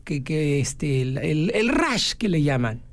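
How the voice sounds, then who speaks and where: A chatty male vulture hosts a children's radio show, voiced by a woman. He speaks, stops often on fillers, and his pitch rises and falls widely. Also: sing-song, takes it slowly, full character voice. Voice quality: full of hesitant fillers.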